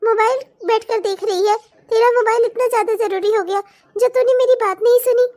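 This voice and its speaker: A woman's voice: extremely high pitch, steady tone, brisk, warm tone. A woman voicing a frail old mother-in-law with aching legs who keeps calling out and pleading. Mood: scolding. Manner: pleading, calls out repeatedly. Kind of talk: cartoon voice acting.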